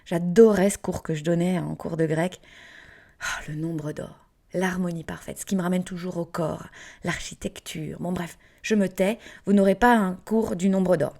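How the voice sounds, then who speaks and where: A woman's voice: lowish voice, moderate pace, vocal fry, mellow. A woman with a Southern French accent, teaching in a casual, chatty way with playful asides and frequent fillers, sometimes dropping to a whisper. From France. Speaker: yoga teacher and podcast host.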